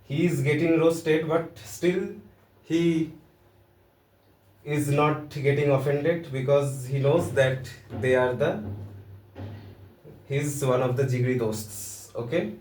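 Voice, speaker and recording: A man's voice: fairly high pitch, steady tone, takes it slowly, pauses often, darkish tone. A man with an Indian accent giving a casual, joking lesson in loose, hesitant phrasing. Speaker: teacher. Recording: roomy echo, voice from a distance.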